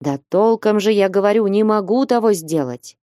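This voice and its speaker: A woman's voice: mid-range voice, lively intonation, normal speed, dark tone, no echo, clean studio sound, lightly acted. A woman voicing a meek, timid young man who sighs and refuses in an audiobook. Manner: timid, sighing. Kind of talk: audiobook reading.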